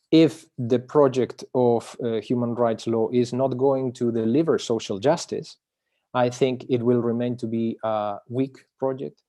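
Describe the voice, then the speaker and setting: A man from Chile, presenting his book over a video call in an academic talk, pausing often with filler sounds and restarting phrases. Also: medium pitch, mellow.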